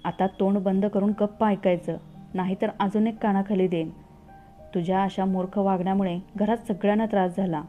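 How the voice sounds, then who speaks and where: A woman's voice: medium pitch, fairly even intonation, moderate pace, natural voice. A woman doing a stern scolding husband. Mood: harsh, scolding. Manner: harsh, scolding, commanding. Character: angry stern husband, a young father. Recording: tinny phone-like audio, faint music.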